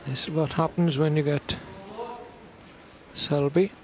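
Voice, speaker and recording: A man giving conversational live snooker commentary in an informal, unhurried manner. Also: fairly high pitch, fairly even intonation, a little mellow, low-quality recording.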